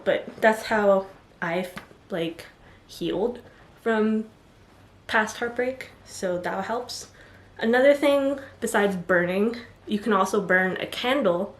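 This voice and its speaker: In an echoey indoor room, a woman with a mid-range voice stands before the camera and talks casually about self-love. Her chat rambles, peppered with "like" and apologetic asides, and she sounds a little out of breath.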